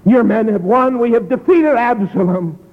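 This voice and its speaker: A preacher voicing an anxious young male messenger bringing news from battle, talking in a hurried rush. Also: very high-pitched, expressive, voice pushed up. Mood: urgent. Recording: tinny lo-fi echoey hall.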